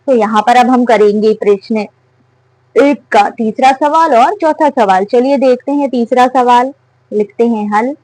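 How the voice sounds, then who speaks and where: Woman, maths teacher, patient step-by-step explaining, high-ish voice, dry recording. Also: measured pace, darkish tone, dry recording, rough recording. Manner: asks and answers her own questions.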